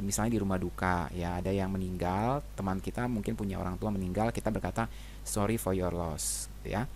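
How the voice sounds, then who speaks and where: A man teaching English phrases in a relaxed, conversational way, often ending sentences with a tag question. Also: lowish voice, a little hiss or hum. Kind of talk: casual explanatory lesson.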